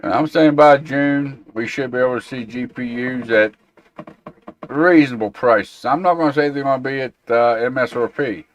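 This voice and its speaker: A man's voice: medium pitch, normal speed. A man hosting a tech show, chatting casually and informally and reacting to viewer comments. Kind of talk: casual livestream chat.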